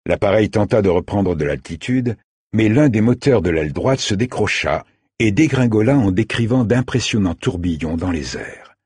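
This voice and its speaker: A man reads an audiobook chapter in a measured storytelling manner. His voice is very low and husky, with a lively, widely moving pitch, and it is recorded dry and close. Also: no echo. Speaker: audiobook narrator. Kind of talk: scripted narration.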